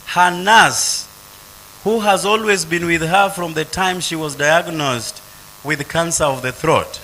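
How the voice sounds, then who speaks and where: A middle-aged man with a Kenyan accent giving a slow, measured funeral tribute in short, grave phrases as a grieving son. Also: fairly high pitch, sharp tone, a little hiss or hum, low-quality recording. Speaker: son giving a eulogy, politician.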